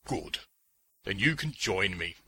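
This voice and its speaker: A man's voice: on the low side, big pitch swings, takes it slowly, pushed and bright, husky, no echo, heavily acted. A man voicing a blunt, curt male archer who travels alone. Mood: gruff.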